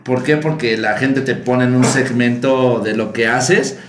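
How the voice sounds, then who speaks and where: A Mexican man hosts a casual podcast, thinking out loud and tossing out rhetorical questions. His voice sits at an ordinary pitch, and the room around him echoes, with a faint hiss behind. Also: measured pace. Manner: reflective, asks rhetorical questions. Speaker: podcast host.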